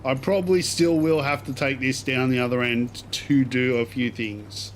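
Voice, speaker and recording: A man's voice: medium pitch, steady tone, moderate pace. Guy streaming a game, rambly and slangy, noise behind him. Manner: slangy, rambling, thinking aloud. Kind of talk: casual live gameplay commentary.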